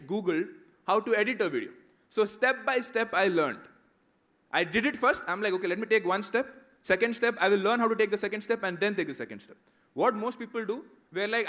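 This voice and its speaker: A man's voice: sits high, sharp tone. A man in his thirties with an Indian English accent, speaking to students in a conversational motivational talk, often checking in with "right?". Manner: conversational, keeps asking "right?". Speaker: guest speaker answering students.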